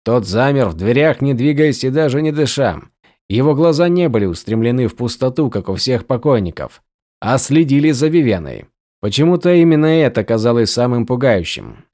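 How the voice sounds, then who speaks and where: Brief: male audiobook narrator, expressive fantasy reading, dry close mic. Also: medium pitch, moderate pace, no echo.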